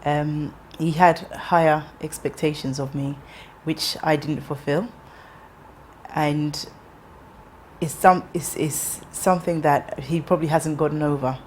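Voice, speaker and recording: This interviewee, a woman in her thirties from an English upbringing, recounts her life story reflectively. Her voice is low and even, punctuated by ums and restarts, over a faint hiss.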